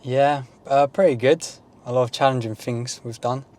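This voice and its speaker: A man's voice: medium pitch, fairly even intonation, normal speed, darkish tone. A young man, a learner driver giving short, tentative answers during a lesson in a car. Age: young adult. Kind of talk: brief replies during a lesson. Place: inside a small car.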